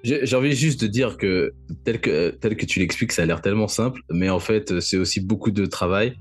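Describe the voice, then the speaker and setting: French-speaking male podcast host, low voice. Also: a little fast, husky, faint music behind. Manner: enthusiastic, hesitant with fillers. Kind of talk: podcast interview.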